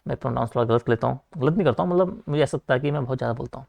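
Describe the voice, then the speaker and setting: This gravelly young male teacher from Uttarakhand, India, has a medium-pitched, slightly mellow voice. In his online coaching lecture he talks fast, makes informal asides to students, and often repeats "theek hai" and "aapka."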